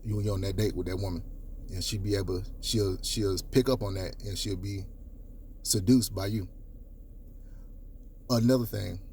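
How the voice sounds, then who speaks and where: A young man with a low, rich baritone coaches his viewers on dating, pressing each point and repeating himself for emphasis. He talks casually and swears now and then. A faint hiss of background noise sits under his voice. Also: a little mellow. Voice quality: deep baritone. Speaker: dating advice host. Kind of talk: direct-to-camera advice talk.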